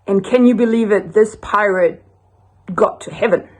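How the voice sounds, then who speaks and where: A woman telling a rambling, animated joke story with many restarts. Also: mid-range voice, moderate pace.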